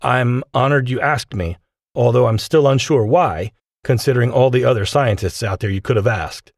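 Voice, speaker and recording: A man's voice: medium pitch, moderate pace, no room sound, studio quality, close to an everyday voice. A man voicing a young newlywed male physicist, eager and a little unsure of himself. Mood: earnest.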